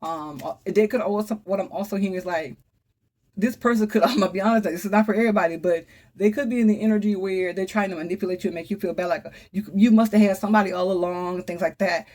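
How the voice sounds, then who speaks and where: This tarot reader talks fast in a mid-range, slightly mellow voice. She speaks directly to her viewers in a chatty, emphatic reading, exclaiming often and invoking the Holy Spirit.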